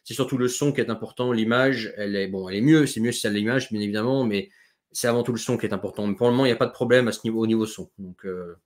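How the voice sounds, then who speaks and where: A man hosting a casual conversation over a video call, talking in an animated, chatty way with plenty of fillers. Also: fairly low pitch, racing. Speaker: host. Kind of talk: casual chat.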